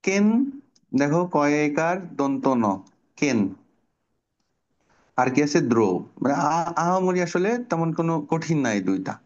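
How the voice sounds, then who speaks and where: A man's voice: a little high, expressive, measured pace, long pauses, highs cut off. A man teaching an online children's class, patiently explaining pronunciation step by step and asking the pupils questions. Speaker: Bangla teacher.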